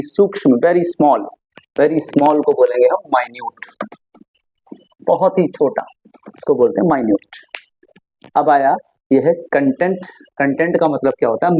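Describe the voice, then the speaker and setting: Mellow-voiced male teacher explaining patiently. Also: mid-range voice. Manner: explains patiently with rhetorical questions and many examples. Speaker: English teacher. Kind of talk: classroom lesson explaining vocabulary. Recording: slightly dull lo-fi recording.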